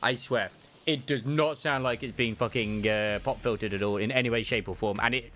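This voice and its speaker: A man's voice: medium pitch, a little fast, fairly bright tone. A man casually commenting while playing a game, rambling and swearing, on a desk mic. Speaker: streamer.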